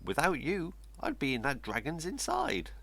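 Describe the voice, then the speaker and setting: A man voicing a kind, excitable storybook witch who exclaims in high cries. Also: moderate pace, vocal fry, full character voice. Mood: grateful.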